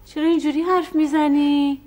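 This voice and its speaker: A woman's voice: high-pitched, little pitch movement, a little mellow, natural voice. An actress playing a doting middle-aged mother in a televised stage drama, soothing and fussy by turns. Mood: uneasy. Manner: soothing then exasperated.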